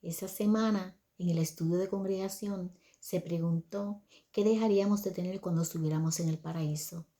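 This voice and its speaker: A woman's voice: on the low side, fairly even intonation, moderate pace, mellow. An older woman telling viewers a family story about raising her son, in a conversational manner that often checks in with listeners.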